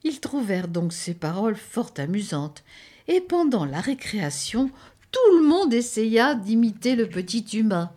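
Expressive woman reading a children's story. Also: on the high side. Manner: expressive, slow and dramatic. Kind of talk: read-aloud children's story narration.

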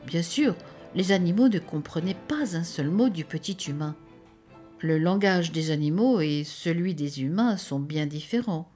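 A woman reading a children's story aloud in an expressive, dramatic way. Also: fairly low pitch, unhurried, faint music behind.

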